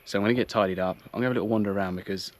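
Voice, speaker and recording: A man talking casually and a little haltingly to his viewers in a relaxed, understated camping vlog, recorded outdoors in woodland. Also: on the low side. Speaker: vlogger. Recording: clearly noisy outdoor ambience.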